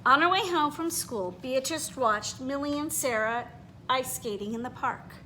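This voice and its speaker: A woman reading a children's picture book aloud in an expressive, animated way, pausing to put questions to her listeners. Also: high voice, slight background noise, rough recording. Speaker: read-aloud storyteller.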